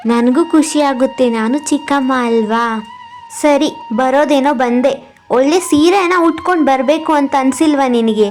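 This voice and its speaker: A woman's voice: high-pitched, a little slow, a little mellow, faint music behind. A woman voicing a rich, haughty older sister in a cartoon, scolding and contemptuous. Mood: scornful.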